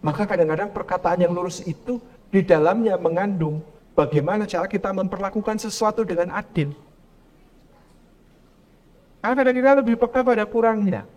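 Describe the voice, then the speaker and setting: A man giving a parenting lecture to a live audience, animated and telling stories as he preaches. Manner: animated, acts out quoted parents in higher voices.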